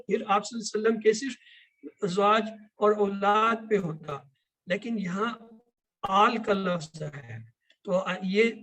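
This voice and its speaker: A man's voice: sits high, fairly bright tone, low-quality recording. A man teaching an online Quran class, explaining words and asking the class questions. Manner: explains and asks questions, repeats key words.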